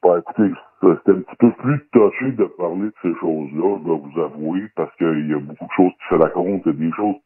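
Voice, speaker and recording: Man with a disguised, very deep voice. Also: fast, hardly any pauses, husky, no room sound. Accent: Québécois French. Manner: guarded, hesitant, many fillers. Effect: voice electronically disguised, pitched very deep. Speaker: anonymous guest, former undercover federal police agent. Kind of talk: radio talk show interview. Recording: dry, phone-like band-limited sound.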